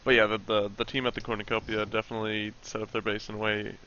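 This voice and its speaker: A man's voice: fairly low pitch, monotone, fast, bright, forceful tone. A man commentating a game tournament, talking analytically and letting sentences trail off, over an online voice chat mic. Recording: dull lo-fi voice chat with faint noise.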